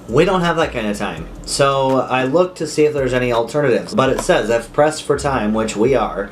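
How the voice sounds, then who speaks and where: A man hosting a casual food review, talking informally to camera and often asking himself questions as he goes. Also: medium pitch. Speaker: host of a food review video. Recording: clearly noisy home recording.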